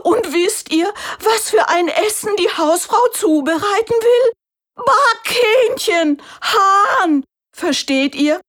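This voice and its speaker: A woman voicing an excitable male rooster in a storybook reading, with a shrill, crowing voice and an overexcited, dramatic way of talking. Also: a little slow, few pauses. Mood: agitated.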